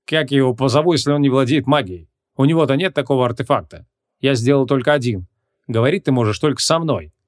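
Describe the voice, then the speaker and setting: A man's voice: mid-range voice, fast, dry recording, studio quality, natural voice. A man voicing a proud, grumpy male archmage who grumbles and snaps, in an audiobook. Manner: gruff, grumbling.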